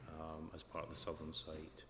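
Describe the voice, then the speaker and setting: A man's voice: extremely low pitch, monotone, normal speed. A man with a broad Scottish accent answering formally as an expert witness at an inquiry. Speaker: flood risk and drainage consultant giving evidence. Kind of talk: formal question-and-answer evidence at a planning inquiry. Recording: echoey hall with clear background noise.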